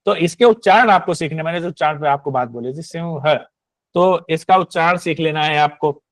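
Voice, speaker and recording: A man's voice: on the high side, fairly quick, dry recording. Didactic Hindi-speaking male teacher. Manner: didactic, repeats points with "है ना" tag questions. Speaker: Sanskrit and astrology teacher. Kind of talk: online class lecture.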